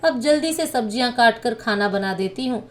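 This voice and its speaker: A woman's voice: on the high side, lively intonation, moderate pace, close to an everyday voice. A woman voicing a meek, hardworking young elder daughter-in-law who answers politely. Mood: dutiful. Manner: polite, submissive.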